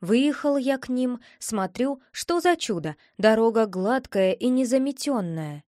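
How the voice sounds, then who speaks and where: A woman reads children's stories aloud in a measured, plain way. Her voice sits a little high, and the recording is dry and close with no room sound. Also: expressive, darkish tone, dry recording. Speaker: reader.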